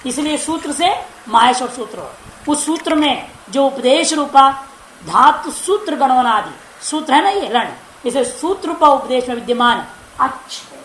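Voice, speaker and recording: A woman's voice: sits high, big pitch swings, measured pace, fairly bright tone. A woman teacher giving a grammar lecture, asking the class questions and answering them herself. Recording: roomy echo with faint background hiss.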